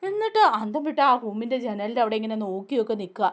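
Recapping an episode of a TV serial, this woman keeps things chatty and animated, often tossing in tag questions. She speaks quickly in a slightly high voice.

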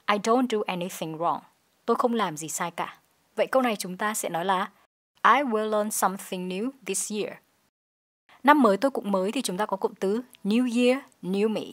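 Woman teaching English pronunciation. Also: medium pitch. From Vietnam. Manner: explains in Vietnamese, models English phrases slowly and deliberately.

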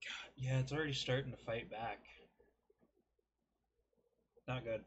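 A man in his twenties jokes and rambles about food at a desk webcam in a small, cluttered bedroom, often at his own expense. His medium-pitched voice is steady and a little slow, and the recording has its highs cut off, plus a little hiss or hum.

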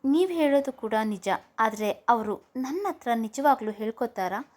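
A kind young wife, hurt but determined, speaking softly in a storybook family drama, voiced by a woman narrator. Her voice sits a little high. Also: animated, moderate pace.

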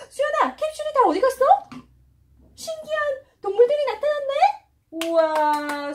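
High sing-song young mother. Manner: sing-song, exclamatory, cooing to a child. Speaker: mother filming play with her baby. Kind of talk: playful parenting vlog narration. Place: home indoors.

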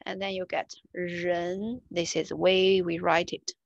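A woman teaching a beginner Chinese lesson, patiently repeating each word slowly as she explains. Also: fairly low pitch, level tone, gravelly, dry recording, muffled recording. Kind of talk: slow screen-share language lesson.

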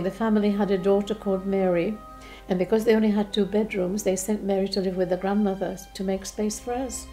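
An elderly Czechoslovak woman in her eighties, an interviewee seated in an armchair in a living room, recounts childhood memories. Her voice is mellow, soft-toned and medium-pitched, and she speaks gently and unhurriedly, often pausing and restarting. Faint music plays beneath her.

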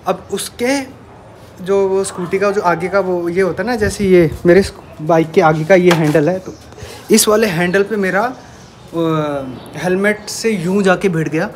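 A young man with a high-sitting voice speaks at a measured pace in a casual vlog, chatting to viewers as he shows them around his home, indoors and near a parked bike. There is slight background noise.

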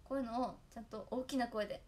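A young woman talks casually and playfully to her fans, breaking into giggles and reciting tongue twisters. Her voice sits a little high. A faint background hum runs underneath. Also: steady tone, fast talker, darkish tone. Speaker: idol trainee talking to fans. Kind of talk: casual solo stream chat.

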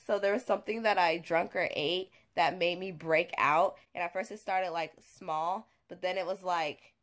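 A woman in her twenties tells a story in a casual vlog, chatty and animated, often saying "like" and "okay?". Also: fairly low pitch, normal speed. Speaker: vlogger.

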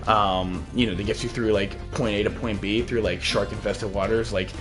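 A man's voice: on the low side, steady tone, moderate pace. A man in his thirties giving casual, slangy, rambling gameplay commentary as a streamer. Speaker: game streamer. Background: game music.

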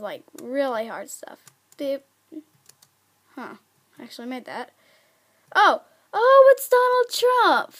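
A woman giving casual, excitable commentary while playing a game, chatty and prone to squeals. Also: high voice. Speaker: gaming video creator.

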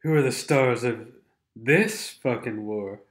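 A gaming commentator with a stuffed-up nose from a cold talks slowly in a medium-pitched voice over game replays. His commentary is sardonic and rambling, and he sings snatches of songs along the way.

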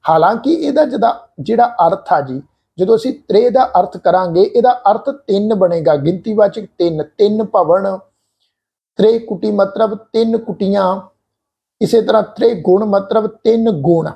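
A man teaching correct pronunciation of scripture, speaking slowly and deliberately, repeating and drawing out syllables to demonstrate them, and politely addressing the congregation. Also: high-pitched, vocal fry, dark tone, lo-fi sound. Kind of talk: patient instructional explanation.

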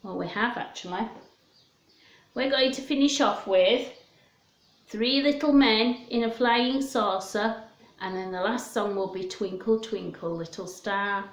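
Speaking at medium pitch and a measured pace, this fifty-something woman hosts story time for little ones. Her talk is simple and sing-song, full of questions. The echoey, roomy recording was made in a small room in her home.

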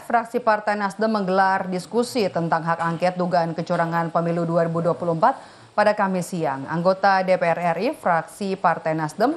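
A woman news anchor reading the news in a steady, formal delivery. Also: mid-range voice.

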